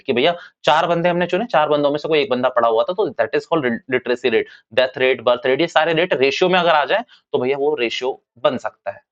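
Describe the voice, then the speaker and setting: Man, chatty teacher, fairly high voice, dull lo-fi sound. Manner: chatty, addresses students as "bhaiya", repeats points. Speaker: commerce teacher. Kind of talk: casual classroom lecture.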